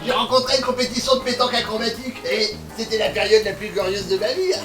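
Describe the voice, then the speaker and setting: An actor playing a boastful, hospitable uncle in a comedy short, with music and sizzling behind him. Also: male voice, high voice, quick pace, roomy sound, close to an everyday voice. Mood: proud, excited. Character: boastful, hospitable uncle proud of his sausages. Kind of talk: comedy short film acting.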